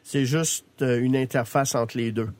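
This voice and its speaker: A man's voice: medium pitch, fairly even intonation, a little slow, a little mellow, dry recording. Quebec man explaining tech, dry studio sound. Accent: Quebec French. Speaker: tech expert guest on radio. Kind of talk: informal explanation, answering callers. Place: radio studio.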